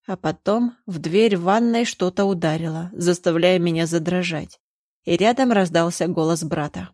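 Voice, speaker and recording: A woman's voice: lowish voice, normal speed, a little mellow, no echo, clean studio sound. A woman narrating a first-person story in a tense, dramatic reading. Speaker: audiobook narrator.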